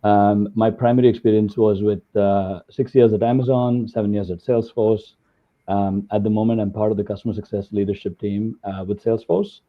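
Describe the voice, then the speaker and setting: A man speaks in a fairly low voice, chatting through his slides with plenty of "um"s and "uh"s. The sound is thin and phone-like, as if carried over a video call line. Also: level tone, a little fast. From India. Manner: filler-heavy, conversational. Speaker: guest speaker. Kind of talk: webinar talk with slides. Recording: tinny phone-like call audio.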